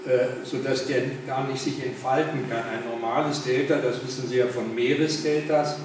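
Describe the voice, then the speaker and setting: In a large indoor meeting room, an older man with a Berlin accent delivers a relaxed public lecture at normal speed in a mid-range voice, full of fillers and asides that put questions to the audience. With no mic, only a far-off camera, he sounds thin and distant, amid heavy echo and a constant background hiss.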